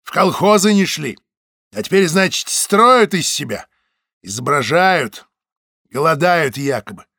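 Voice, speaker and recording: A man reading an audiobook, voicing a coarse male secret-police guard who is loud, bossy and scornful. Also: on the high side, animated, unhurried, dry recording, clean studio sound, voice pushed up, exaggerated voice.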